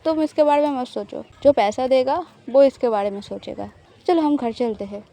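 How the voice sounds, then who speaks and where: A woman's voice: high voice, normal speed, vocal fry, mellow. A woman reading teasing, confident Sneha. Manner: playful, teasing, reassuring. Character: confident teasing young woman, affectionate boss-like lover.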